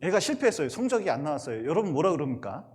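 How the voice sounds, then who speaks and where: Animated lively male pastor. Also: a little high, very fast. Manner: animated storytelling with acted-out quotes. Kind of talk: sermon to parents.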